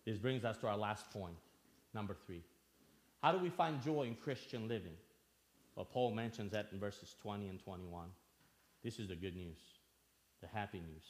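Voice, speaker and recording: A man from Albania preaching a sermon in church, earnest, asking the listeners questions and repeating phrases for emphasis. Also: mid-range voice.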